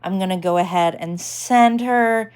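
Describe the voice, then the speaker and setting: A woman's voice: medium pitch, a little slow, a little mellow, clean tone. A woman vlogger giving a casual tech demonstration, rambling with lots of fillers.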